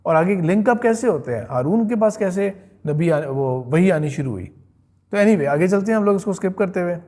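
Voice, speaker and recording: A man lectures on religious history in a relaxed, talkative way. His voice sits a little high for a man. He often pauses to check that his listeners follow him and drops English words into his talk.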